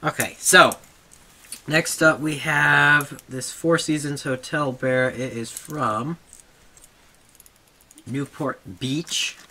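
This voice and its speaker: A man's voice: a little high, steady tone, drawn-out words, long pauses, background noise. A man casually showing off his toy collection at home, chuckling and stopping to talk to his dog. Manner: chuckling, easily distracted, talks to his dog between items. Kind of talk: casual home video show-and-tell.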